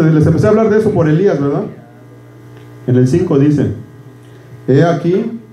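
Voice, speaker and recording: A man's voice: a little high, warm tone. A middle-aged man preaching a sermon as pastor. He keeps asking the congregation "right?" and slips English words into his talk. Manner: conversational, asks "¿verdad?" constantly, switches into English words. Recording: echoey room with faint hum.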